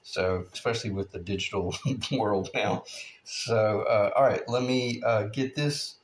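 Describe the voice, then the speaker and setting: This fifty-something man talks unhurriedly in a lowish voice as he rambles easily through a guitar-making lesson at his bench. He fills the pauses with frequent "uh"s.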